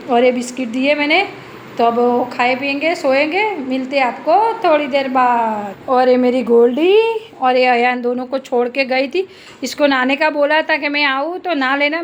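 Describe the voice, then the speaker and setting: A woman's voice: high voice, a little hiss or hum. A woman narrating her day at home in a chatty family vlog, coaxing her pet now and then. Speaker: family vlogger.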